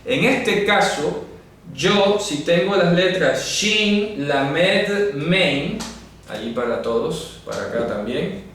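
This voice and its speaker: A man's voice: a little high, expressive, takes it slowly, a bit bright. Man, Bible teacher, explains step by step, asks if you follow, distant camera mic, faint background noise. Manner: explanatory, asks listeners rhetorical check-in questions. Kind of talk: teaching a Bible exposition at a board. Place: room with a writing board. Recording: very echoey room, mic far off, faint noise.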